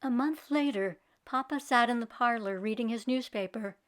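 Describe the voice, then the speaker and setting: A woman with a slightly high voice reads a children's book aloud at a normal speed. She narrates expressively and with clear pacing, in a teacherly style, asking questions that draw young listeners in.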